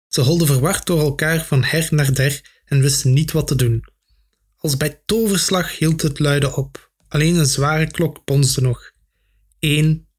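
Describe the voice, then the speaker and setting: A man reading a children's adventure story aloud with steady, expressive narration. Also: fairly high pitch, slightly rough. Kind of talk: audiobook narration.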